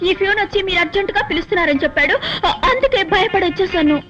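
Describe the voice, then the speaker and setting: A woman's voice: very high-pitched, very fast, pushed and bright. A woman playing a cheeky office clerk in a comedy film scene, theatrical and sly. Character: cheeky young female office clerk faking grief. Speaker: office employee. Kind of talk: comic film dialogue.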